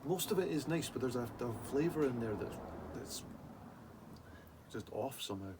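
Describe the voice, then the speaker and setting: A man's voice: medium pitch, lively intonation, normal speed. A man chatting casually and informally as a whisky reviewer, wandering and hesitant in his delivery. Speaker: whisky reviewer and show regular. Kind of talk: casual, rambling banter over drinks. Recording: clearly audible background noise with clicks.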